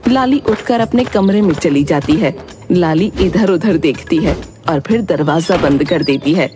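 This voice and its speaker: A woman narrating a cartoon story in a calm, even storytelling manner. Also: lowish voice, unhurried, music in the background.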